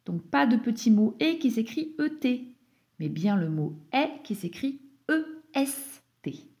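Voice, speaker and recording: A woman teacher slowly correcting a dictation for young pupils, spelling words out letter by letter with patient explanations. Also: a little high, big pitch swings, mellow. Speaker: primary school teacher.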